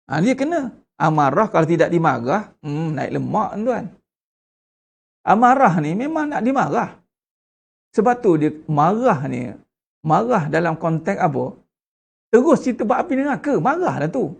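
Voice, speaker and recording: A man with a Malaysian Malay accent giving an Islamic study lecture, putting rhetorical questions to the congregation with lively emphasis. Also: high-pitched, normal speed, creaky, long pauses, slightly rough. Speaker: religious teacher.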